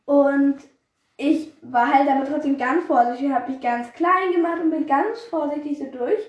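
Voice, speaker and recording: A woman's voice: sits high, moderate pace, a little mellow, muffled recording. A teenage girl co-hosting a podcast, telling stories in a rambling, giggly way with lots of fillers. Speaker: podcast co-host. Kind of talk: casual storytelling chat. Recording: echoey room.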